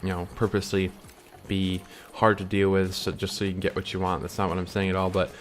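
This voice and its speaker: With a deep voice and flat delivery, this young man talks fast to his camera while chewing candy. It's a casual, reflective vlog in which he earnestly rambles about chasing his dreams, peppered with ums and restarts.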